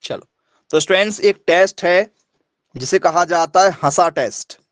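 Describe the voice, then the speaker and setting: High-voiced coaching teacher, dry. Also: male voice, normal speed, no room sound. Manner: asks questions and answers them himself, repeats key points. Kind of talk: online exam coaching lesson.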